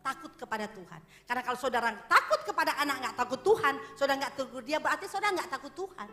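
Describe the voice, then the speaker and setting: Woman pastor preaching in church, high bright voice, faint music in the back, joking then forceful. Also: animated, racing. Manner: conversational preaching, rising to emphatic exhortation, laughs with congregation. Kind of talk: sermon.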